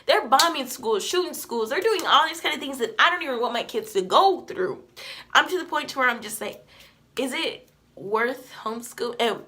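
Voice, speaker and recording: A woman in her twenties telling a personal story to the camera in a halting, emotional, rambling way. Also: high-pitched, animated, pushed and bright. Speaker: vlogger.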